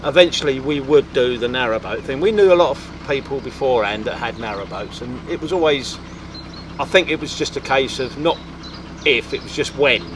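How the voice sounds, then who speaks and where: A man's voice: medium pitch, animated, brisk. Middle-aged Cockney man on a boat. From East London, England. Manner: easygoing, rambling, asks his partner to confirm. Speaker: vlog co-host. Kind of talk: casual chat. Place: outdoors on a moving narrowboat. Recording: outdoor noise from boat and traffic.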